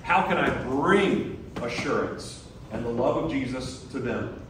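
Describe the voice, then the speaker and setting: A man's voice: mid-range voice, animated, unhurried, noisy background. Echoey distant man preaching a sermon. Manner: earnest, builds to emphatic peaks. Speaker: guest preacher. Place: church sanctuary. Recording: echoey church from far off.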